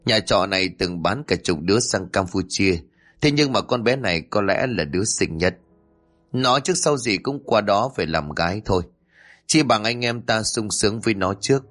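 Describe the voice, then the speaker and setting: A man's voice: lowish voice, expressive, normal speed, fairly bright tone, faint music behind. A man voicing a cold, brutal male gang leader in a spoken story, with a menacing delivery.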